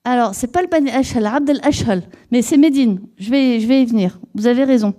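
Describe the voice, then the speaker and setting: An epigraphy lecturer talks an audience through her research step by step, her fairly high, warm voice moving at a fairly quick clip. She restarts hesitantly at times and poses questions to her listeners.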